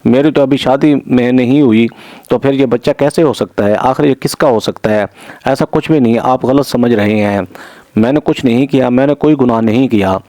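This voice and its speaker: A distraught young woman who begs to be believed, as a man reads her lines. The voice is mellow and dark-toned, set close in a dry, deadened space. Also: medium pitch, dry recording, natural voice. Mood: distressed. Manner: pleading, tearful.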